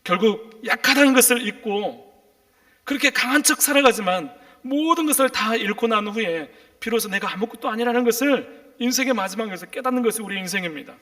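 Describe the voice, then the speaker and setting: A man's voice: very high-pitched, lively intonation, a little fast, bright, forceful tone. A man preaching a sermon as pastor, with rising, emphatic calls to the congregation. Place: church sanctuary. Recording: reverberant church hall.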